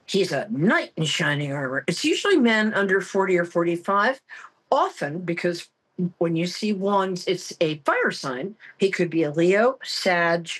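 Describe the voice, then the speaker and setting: A woman hosting a psychic tarot show in a campy, theatrical, self-mocking way, chatting comically and casually with a husky voice. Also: lowish voice, big pitch swings, a little slow, a bit bright. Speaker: psychic tarot reader and call-in show host. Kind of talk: casual, comic monologue to listeners.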